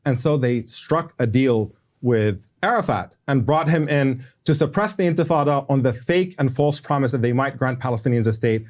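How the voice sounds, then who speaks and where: A man's voice: mid-range voice, moderate pace, few pauses, a little mellow. A man in his forties who grew up in the Middle East, arguing insistently in a debate and pressing on through interruptions. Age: 40s. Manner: insistent, long-winded, talks over interruptions. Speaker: debate guest. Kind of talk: heated debate argument. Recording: played clip from a debate.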